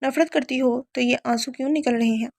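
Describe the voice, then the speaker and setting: A woman's voice: sits high, fairly even intonation, fairly quick, vocal fry, darkish tone, dry recording. A woman voicing a cruel, domineering young husband in an audiobook novel, speaking in a harsh, commanding tone.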